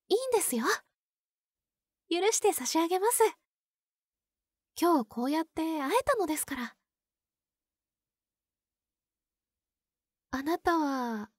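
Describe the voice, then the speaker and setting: A woman voicing a pure young nun who is sweetly possessive and obsessive, in a soft, polite ASMR role-play. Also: high-pitched, no echo, studio quality. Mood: softly jealous. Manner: polite, soft, demure, lingering pauses.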